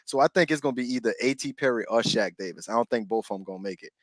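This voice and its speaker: A man's voice: mid-range voice, rapid-fire, no echo. A man co-hosting a casual sports podcast, talking in a laid-back way and often checking that he is understood. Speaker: podcast co-host.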